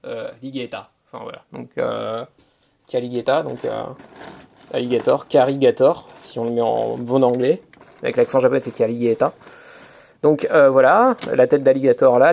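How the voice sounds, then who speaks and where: Male toy reviewer, mid-pitched, fry-tinged voice, hesitant step-by-step demo delivery. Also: a little mellow. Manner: hesitant, filler-heavy explaining, "donc voilà"; talks to camera while handling a toy. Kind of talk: hands-on toy review demonstration.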